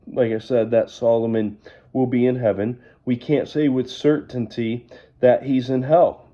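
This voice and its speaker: A man leading an evening Bible study, reading scripture aloud and then explaining it in a measured way. He says he is losing his voice. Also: mid-range voice, dark tone, lo-fi sound.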